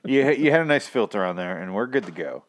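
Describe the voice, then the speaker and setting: A man with a deep, bassy voice co-hosting a casual podcast in a breezy, jokey, conversational way. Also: big pitch swings, quick pace. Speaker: podcast co-host.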